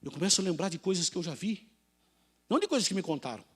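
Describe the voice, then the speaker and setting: A man preaching a live church sermon and giving testimony, swinging between shouted praise and quiet confiding, on a church microphone. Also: high voice, sing-song, fast, breathy edge, in a large hall. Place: church sanctuary.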